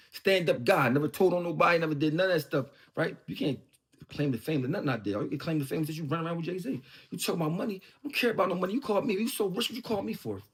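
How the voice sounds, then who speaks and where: Fast, animated taunting man from Philly. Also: fairly high pitch. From Philadelphia. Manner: taunting, mocking, heated. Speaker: show host. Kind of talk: ranting monologue.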